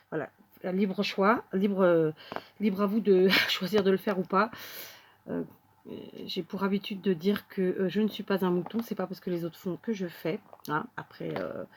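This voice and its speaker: A woman's voice: lowish voice, noisy background. A woman hosting a casual card-making tutorial at her craft table, talking to viewers as she works and thinking aloud with plenty of fillers.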